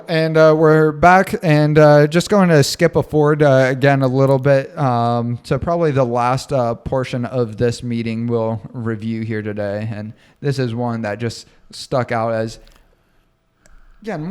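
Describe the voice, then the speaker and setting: A man's voice: mid-range voice, darkish tone, smooth. A man co-hosting a podcast, giving casual commentary, rambling with lots of fillers. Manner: rambling, full of fillers and hedges. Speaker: podcast co-host.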